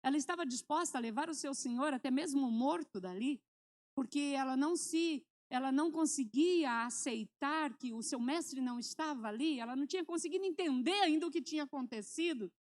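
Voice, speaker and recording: High-voiced Brazilian woman pastor preaching. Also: fairly quick. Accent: Brazilian Portuguese. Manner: preaching with call-and-response to the congregation; shifts between loud exhortation and soft storytelling. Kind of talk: sermon. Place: church sanctuary.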